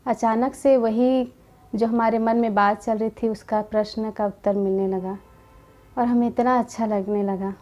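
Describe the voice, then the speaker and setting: A young woman giving a gentle personal testimony about her spiritual path, quoting conversations in her own voice. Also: fairly high pitch, steady tone, measured pace. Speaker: spiritual community member sharing her experience.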